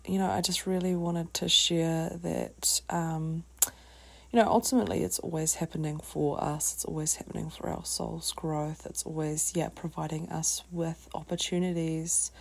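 A woman with a New Zealand accent hosting a reflective solo wellness talk, speaking in a halting, thoughtful way with trailing phrases. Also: sits low, flat delivery, creaky. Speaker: podcast host.

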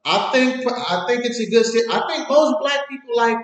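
A man's voice: very high-pitched, normal speed. A man in a casual chat, teasing and prodding with questions. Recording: distant voice in an echoey room.

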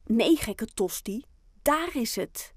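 A woman's voice: a little high, lively intonation, slow, no room sound, studio quality. Woman doing an eager little penguin boy. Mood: proud. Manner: eager, bouncy, proud. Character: stubborn young boy penguin, excitable. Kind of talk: children's audiobook.

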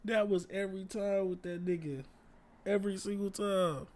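Man, slightly high voice, casual chat, laid-back storytelling, heavy slang. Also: fairly even intonation, moderate pace, a little mellow. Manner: laid-back storyteller, laughs through his punchlines. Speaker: podcast co-host.

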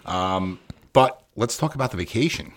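Low-voiced laid-back male podcast co-host. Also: animated, moderate pace. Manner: loose, laughing, swears casually. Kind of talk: casual chat.

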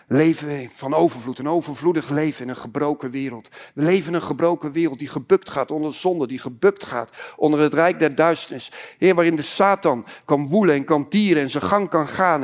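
Guy preaching, pretty high voice, gets loud then goes real quiet. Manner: impassioned preaching, swinging from loud to hushed. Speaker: pastor. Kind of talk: sermon.

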